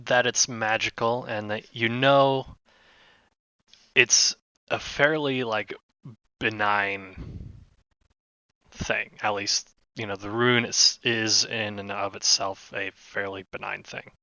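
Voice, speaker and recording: A man's voice: on the low side, steady tone, takes it slowly, bright, forceful tone, clean tone, no echo, lo-fi sound. A man narrating as game master of a tabletop game, hesitant and searching for words.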